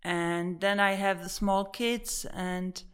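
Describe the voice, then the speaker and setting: Czech woman painter chatting in english, slow and hesitant, lots of restarts and little laughs. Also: mid-range voice, fairly even intonation, fairly bright tone, clear, resonant tone. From Czech Republic. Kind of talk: casual interview. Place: her art studio.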